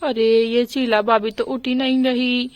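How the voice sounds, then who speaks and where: A woman voicing a village husband and father in a doll storybook, speaking in a lowered voice with a fussing, boastful manner. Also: level tone, measured pace, no room sound, natural voice.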